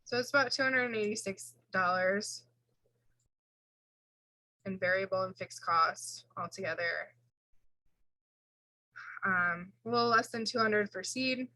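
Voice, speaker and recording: Bright-voiced woman lecturing over slides. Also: mid-range voice, a little slow, long pauses, dry recording, low-quality recording. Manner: casual, explains tables with fillers and self-corrections. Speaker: instructor.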